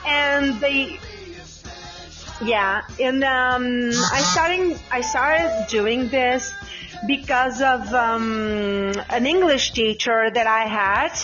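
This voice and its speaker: A woman's voice: a little high, drawn-out words, dull audio, over music. A woman in her late thirties whose native language is Portuguese, hosting a casual live podcast chat and talking hesitantly with many ums and restarts. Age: 30s. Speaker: podcast host.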